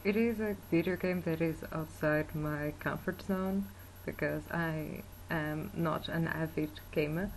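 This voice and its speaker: A woman's voice: deep voice, fairly even intonation, a little slow, slight background noise, low-quality recording. A woman from Portugal, a teacher, giving a spoken video review with many fillers and restarts. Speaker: English and German teacher. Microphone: built-in webcam mic.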